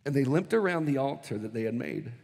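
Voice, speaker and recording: A man preaching a sermon as pastor, moving between hushed, slow prayer and loud, quick bursts, acting out scripture scenes in mock voices. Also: mid-range voice, animated, vocal fry, big-room sound. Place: church auditorium.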